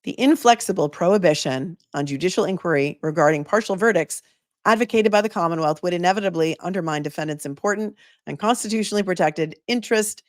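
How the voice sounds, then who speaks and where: Hoarse after reading at length, a lowish-voiced woman lawyer and channel host delivers a legal brief with measured emphasis before shifting into easygoing conversation with her guest. The sound has studio quality and no echo.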